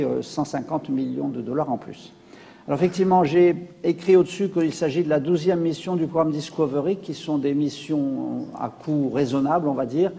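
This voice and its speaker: Gravelly man lecturing in a hall. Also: a little high, warm tone. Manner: hesitant, many fillers and restarts. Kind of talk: public science talk with slides.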